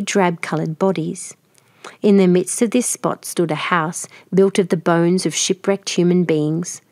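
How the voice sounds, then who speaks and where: A woman telling a fairy tale as steady, measured storybook narration for children. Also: lowish voice, dry recording.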